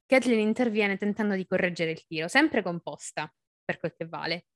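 A woman's voice: medium pitch, expressive, brisk, no room sound, clean studio sound. A woman hosting a podcast, chatting about a novel and reading passages aloud, laughing often. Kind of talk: casual book-club chat with read-aloud passages.

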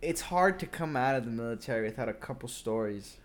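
A young man co-hosting a podcast in casual chat, animated and profane, quick to react and jump in. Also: medium pitch. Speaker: podcast co-host.

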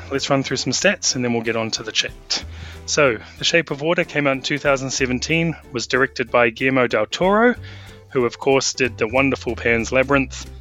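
Brief: male podcast host, crisp and forceful tone, upbeat stat-reading delivery, faint music behind. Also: mid-range voice. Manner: upbeat, reading out film stats and facts. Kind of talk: casual film podcast chat.

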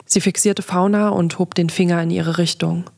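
A woman's voice: on the low side, fairly even intonation, normal speed, vocal fry, darkish tone. Woman telling a witch story. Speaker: podcast narrator. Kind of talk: first-person story narration.

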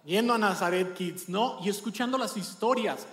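Pastor, chatty animated sermon, long echo off the church walls. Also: male voice, sits high, normal speed. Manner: animated, conversational storytelling with rhetorical check-ins. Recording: echoey church hall.

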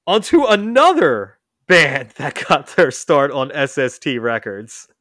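Very animated yet slow-paced, a man with a slightly high, fairly bright voice hosts an easygoing music podcast. His talk rambles with many restarts and mid-sentence corrections, recorded cleanly in a studio without echo.

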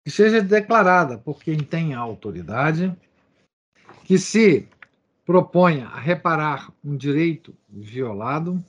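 A man's voice: fairly high pitch, big pitch swings, slow. A man reading a text aloud and commenting on it like a lecturer, breaking in with asides and habitual tag questions. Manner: reads quoted passages, adding asides and verbal tics like "né?". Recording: dull lo-fi recording.

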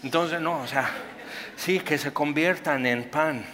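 A man preaching a sermon, animated, swinging from loud bursts to hushed intensity. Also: a little high, takes it slowly, a little hiss or hum. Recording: long hall reverb.

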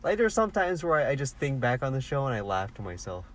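A man's voice: medium pitch, very animated, fast, a bit bright, far from the mic. A man co-hosting a casual podcast, rambling loosely and laughing often. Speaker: podcast co-host.

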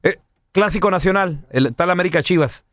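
A man's voice: sits high, brisk, a bit bright, no room sound, studio quality. A man hosting comic radio banter, telling a playful story.

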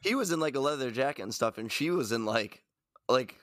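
A man's voice: medium pitch, animated, brisk, a bit bright. A man co-hosting a podcast in casual chat, chiming in with corrections and added details. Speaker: podcast co-host.

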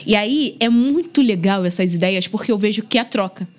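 A woman's voice: medium pitch, a little fast. A young Brazilian woman, a guest on a podcast, chatting casually about her life as a single mother and filling her speech with "né?" and "gente". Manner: chatty, animated, lots of "né?" and "gente". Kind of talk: casual chat, personal storytelling.

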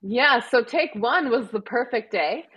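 A woman's voice: on the high side, lively intonation, measured pace, a bit bright, breathy edge, rough recording. Chatty woman with a Wisconsin accent. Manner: chatty, frequent ums and likes. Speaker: podcast guest, marathon runner. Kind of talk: casual interview chat.

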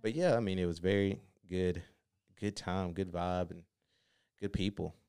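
A man's voice: low voice, steady tone, a little mellow, clean tone, dry recording, studio quality. A man in his thirties, a father chatting casually with his wife, telling a trip story in a laid-back way that draws out his words. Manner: laid-back, laughing, slow emphatic storytelling. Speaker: co-host, husband and father. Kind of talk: casual chat.

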